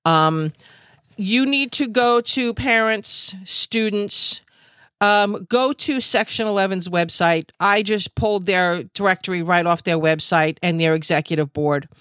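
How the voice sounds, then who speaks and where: A woman's voice: mid-range voice, a little slow, a bit bright, clear, resonant tone, dry recording, clean studio sound. A woman host, giving an angry, emphatic monologue over a video call, full of fillers and restarts. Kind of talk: impassioned monologue.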